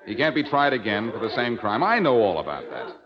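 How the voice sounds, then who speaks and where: An actor playing a wisecracking adult male detective in 1940s radio acting style on an old radio show, brisk, confident and wry. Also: fairly low pitch, very animated, crowd noise. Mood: determined. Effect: old radio show broadcast. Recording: dull old radio broadcast.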